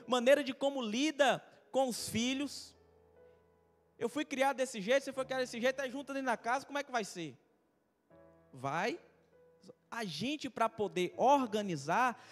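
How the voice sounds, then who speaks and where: A man's voice: extremely high pitch, big-room sound. A man with a Brazilian accent, a pastor giving a chatty, humorous sermon full of personal stories and questions to the congregation. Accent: Brazilian Portuguese. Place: church hall.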